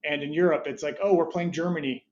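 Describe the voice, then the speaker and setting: A man's voice: on the high side, steady tone, quick pace, a little mellow, dull audio, a little hiss or hum. A man in his thirties, a startup founder talking as a podcast guest, rambling with many restarts and short laughs. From Budapest, Hungary, raised there as an American. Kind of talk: casual interview chat.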